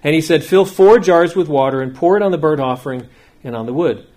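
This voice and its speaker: Pastor, male, fairly high voice, measured dramatic scripture reading in church. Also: a little mellow. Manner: measured, dramatic reading with slow emphatic phrases. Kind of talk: scripture reading then sermon.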